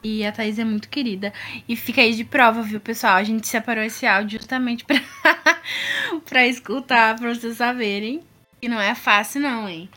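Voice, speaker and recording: A woman's voice: fairly high pitch, moderate pace, pushed and bright, soft background music. A woman with a Brazilian accent hosting a podcast in casual chat, effusive and enthusiastic. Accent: Brazilian Portuguese. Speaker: podcast host.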